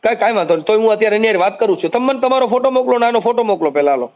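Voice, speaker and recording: A man giving calm, reassuring advice on a phone call, often repeating soothing phrases. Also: sits high, racing. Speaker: social media activist taking calls. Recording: tinny phone line.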